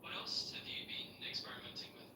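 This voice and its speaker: A man's voice: fast, sharp tone, in a whisper. A man's synthetic voice with a British accent, answering as a chatty, agreeable AI assistant. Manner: upbeat, agreeable, eager to please. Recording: roomy, distant, noisy.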